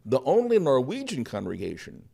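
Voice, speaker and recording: A man portraying a humble old-time Norwegian pioneer preacher, chatting in a folksy, storytelling way. The voice has a gravelly edge and swings lively up and down in pitch. It sounds like a podcast guest in character. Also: normal speed, exaggerated voice. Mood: amused recounting. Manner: folksy storytelling with frequent uh fillers and chuckles. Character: 1800s Norwegian immigrant pioneer pastor, humble and cheerful. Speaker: guest, historical reenactor. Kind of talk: first-person historical character portrayal.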